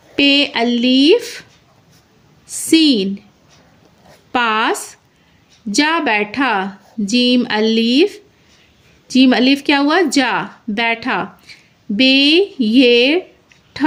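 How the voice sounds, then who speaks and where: A woman's voice: a little high, a bit bright. A woman teaching handwriting, dictating a story word by word and naming each letter as she writes it. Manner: spells each word letter by letter, then repeats it. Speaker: Urdu writing teacher. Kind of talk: slow dictation lesson, spelling out letters.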